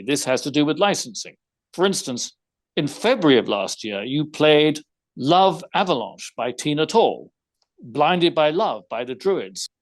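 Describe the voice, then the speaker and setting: Slightly high in pitch, a man voices a shrewd, unflappable gentleman detective in an audio theater mystery. He speaks with precision, using formal and wry phrasing.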